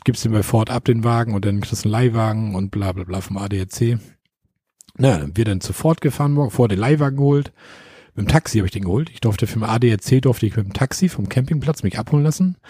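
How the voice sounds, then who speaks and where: A man's voice: medium pitch, dark tone, slightly rough, no room sound, clean studio sound. A man co-hosting a podcast, telling a long rambling anecdote in casual chat. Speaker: podcast co-host.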